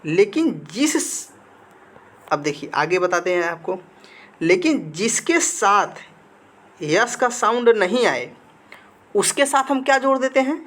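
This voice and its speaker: A man's voice: high voice, sing-song, slow, pauses often, fairly bright tone. A male grammar teacher giving a slide lesson. He keeps asking the students questions and answers them himself, repeating key words. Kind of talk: classroom-style lesson with slides.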